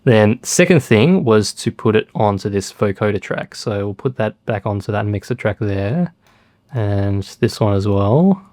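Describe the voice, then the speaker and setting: Laid-back man, low voice. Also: measured pace, no room sound. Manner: relaxed, lots of fillers, self-deprecating. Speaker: music producer. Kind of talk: casual production tutorial.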